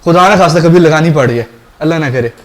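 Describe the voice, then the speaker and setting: A man's voice: fairly high pitch, fast talker. A male lecturer teaching a programming class, explaining step by step and often asking the class questions to check they follow.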